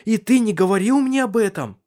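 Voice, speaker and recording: A man's voice: high voice, lively intonation, moderate pace, a little mellow, voice pushed up. A man voicing an anxious, insistent young wife in an audiobook, pleading with pressing questions. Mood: eager. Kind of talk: audiobook character reading.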